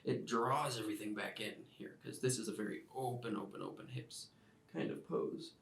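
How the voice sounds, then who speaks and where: A man teaching a yoga class, giving calm step-by-step cues timed to the breath. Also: lowish voice, normal speed, creaky, a little hiss or hum. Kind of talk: guided yoga class instruction. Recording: roomy sound, mic at a distance.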